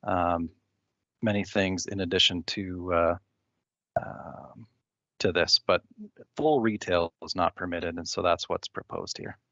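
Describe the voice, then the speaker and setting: Low-voiced planner, dry muffled audio. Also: male voice, steady tone, a bit bright, no room sound. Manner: measured, hedging, many fillers. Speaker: municipal planning staff. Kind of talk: answering council questions. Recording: dull dry online audio.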